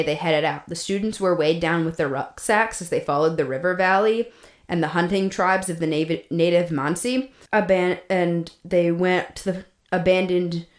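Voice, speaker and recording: Woman, podcast host, casual storytelling, chatty, fillers, lowish voice, echoey room. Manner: chatty, laughs often, many fillers and restarts. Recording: roomy echo.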